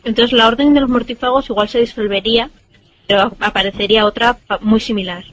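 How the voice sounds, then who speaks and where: Female panelist, fairly high voice, thoughtful explainer. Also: fairly even intonation, quick pace, poor audio. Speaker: debate panelist. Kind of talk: casual debate.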